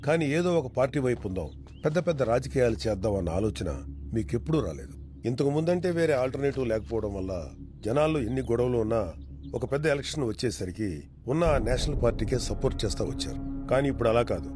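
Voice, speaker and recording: An actor playing a commanding orator. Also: male voice, medium pitch, animated, darkish tone, lightly acted. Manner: measured, proverb-laden speech. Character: commanding man giving weighty speeches. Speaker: political leader. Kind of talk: film drama dialogue. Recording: film dialogue over music score.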